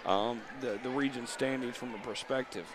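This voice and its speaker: A man calling a local high school basketball game in a rambling, chatty way with many restarts. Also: steady tone, moderate pace. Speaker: play-by-play commentator. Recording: noisy gym ambience.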